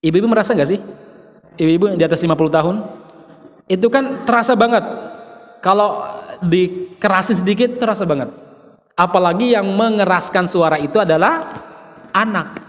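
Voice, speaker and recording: A man's voice: high voice, moderate pace, long pauses, in a large hall. A man preaching a sermon, joking with the audience and acting out little quotes.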